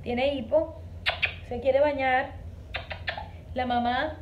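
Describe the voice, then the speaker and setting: A woman with a high voice talks casually and dramatically to her phone at home, tossing out exclamations. The recording is dull and muffled. A clear hiss of noise runs under her voice. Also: steady tone, slow. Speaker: vlogger. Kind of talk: casual vlog chat.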